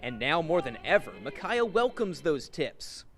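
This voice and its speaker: Lively male sports reporter narrating. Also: on the high side, a little slow. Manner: lively storytelling delivery. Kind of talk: scripted news narration.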